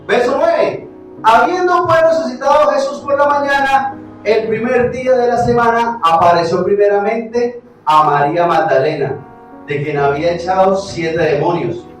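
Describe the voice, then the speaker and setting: A man with a Colombian accent preaching a sermon as pastor, animated, asking the congregation questions and swinging from loud to hushed. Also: very high-pitched, moderate pace. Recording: very echoey hall, distant mic, faint music.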